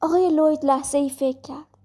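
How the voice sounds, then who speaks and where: A woman reading a classic novel aloud as an audiobook, calm and measured. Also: high-pitched. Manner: calm, measured storytelling with quoted dialogue. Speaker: audiobook narrator. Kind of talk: scripted narration of a classic novel.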